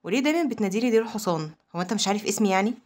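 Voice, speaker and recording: A woman voices a hot-tempered young orphan who answers every insult with a sharp, indignant retort in Egyptian Arabic. The lines rush out very fast at a middle pitch. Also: animated, close to an everyday voice.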